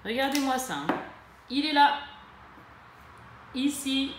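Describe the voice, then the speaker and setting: A woman chatting casually to camera in a beauty haul, lively and full of fillers and self-corrections. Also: high-pitched, takes it slowly. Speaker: beauty vlogger. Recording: echoey room with faint ambient noise.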